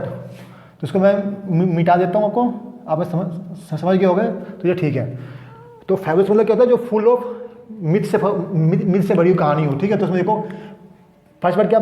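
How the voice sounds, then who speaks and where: A high-pitched man with an Indian accent explains English words in a loose, chatty classroom manner, often restarting and adding fillers. His voice rings with long reverb in a room. The recording sounds slightly dull. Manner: casual explaining, frequent "ठीक है" fillers and restarts. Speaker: English vocabulary teacher.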